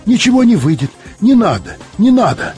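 A man reading an audiobook, voicing a gentle older man who pleads softly in a trembling, raised voice. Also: high voice, big pitch swings, fast talker, soft background music, pitched above the performer's own voice.

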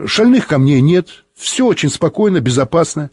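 A man voicing a fussy, gentle elderly male spaceship pilot who talks in a soft, doting, eager way. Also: fairly high pitch, very animated, normal speed, breathy edge, no room sound, pitched above the performer's own voice.

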